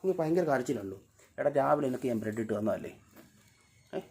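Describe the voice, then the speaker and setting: A vlogger talking casually to dogs and cats while feeding them, coaxing, scolding and calling out loudly in homely colloquial speech. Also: mid-range voice, expressive, brisk, vocal fry, a little hiss or hum. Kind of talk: casual talk to animals.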